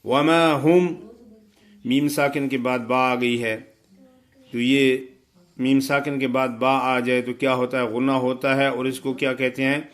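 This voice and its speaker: A man teaching a recitation lesson, chanting verses slowly and melodically, then explaining the rules in quick, matter-of-fact speech. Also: medium pitch, flat delivery, a bit bright. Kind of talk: tajweed lesson.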